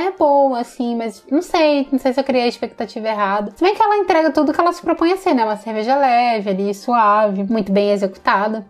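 A woman co-hosting a podcast in casual chat, a lively storyteller who laughs often. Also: a little high. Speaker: podcast co-host.

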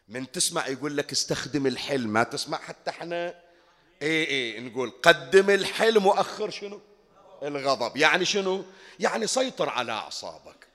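A Bahraini man delivers a colloquial sermon at a mourning gathering, his raised voice swinging widely up and down. He keeps putting questions to his listeners. The recording carries the long reverb of the hall. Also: fairly high pitch. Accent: Bahraini Arabic. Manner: asks the audience rhetorical questions.

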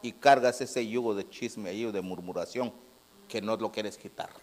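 A man, preaching a sermon as pastor, moving from loud proclaiming to low, quiet storytelling and acting out both sides of a conversation. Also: moderate pace. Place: church sanctuary.

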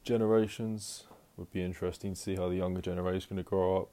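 Low, flat-voiced man podcasting at home. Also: quick pace. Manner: rambling, many fillers and restarts. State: out of breath. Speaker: podcast host. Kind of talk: casual solo podcast monologue. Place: at home, moving around the house.

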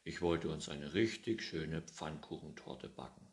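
A grumpy old farmer who likes things tidy, voiced by a man reading aloud. He scolds and grumbles in a deep, unhurried voice. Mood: grumbling.

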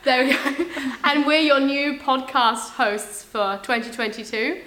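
A young woman from England hosting a casual podcast chat, loud and quick to laugh at herself. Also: high-pitched, reverberant. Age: young adult. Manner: loud, laughing, self-mocking. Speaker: podcast host, engineering student.

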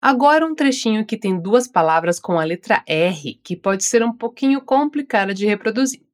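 A woman with a Brazilian accent teaching English, giving slow, carefully articulated model phrases for learners to repeat. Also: medium pitch, lively intonation. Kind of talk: scripted language lesson.

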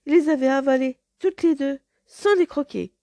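A woman narrating a fairy tale in an expressive, dramatic read-aloud manner. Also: high-pitched, normal speed, no echo. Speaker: storyteller.

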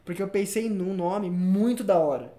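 A young man with a Brazilian Portuguese accent hosts a casual podcast at a moderate pace, his voice high-pitched. He tells animated, slangy stories and acts out people's words, and the recording has an echoey room sound.

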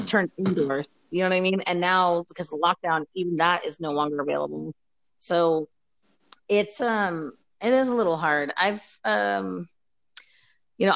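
A woman's voice: fairly low pitch, gravelly, poor audio. A woman from the United States chatting casually as a podcast guest over a video call, rambling with many fillers. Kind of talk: casual chat.

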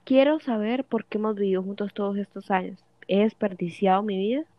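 A woman's voice: mid-range voice, steady tone, a little fast, no room sound, lo-fi sound, close to an everyday voice. A woman voicing a jealous, bitter wife of fifty who keeps accusing and questioning her husband. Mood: furious. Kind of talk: audiobook dialogue reading.

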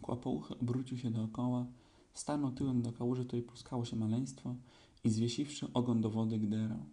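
A man reading a children's story aloud, calm and even in his telling. His voice is dark, warm and mellow. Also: mid-range voice, a little fast. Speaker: audiobook narrator.

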